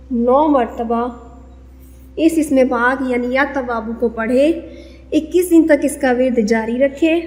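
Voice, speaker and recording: A woman giving measured religious instruction, explaining devotional prayers and telling moral stories. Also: high-pitched. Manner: measured, didactic, repeats prayer counts. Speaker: Islamic devotional speaker. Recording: long reverberant echo.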